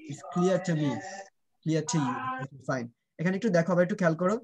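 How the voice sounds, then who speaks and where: A man's voice: fairly high pitch, moderate pace, crowd noise. A man teaching children pronunciation in an online class. He drills sounds and keeps asking whether the students understand, switching between Bengali and English.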